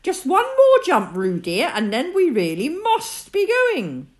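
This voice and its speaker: A woman's voice: very high voice, wildly swooping pitch, takes it slowly, pitched above the performer's own voice, heavily acted. Kanga, a woman doing a fussy mother kangaroo. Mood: distracted. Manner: fussy, dismissive. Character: motherly female kangaroo, distracted.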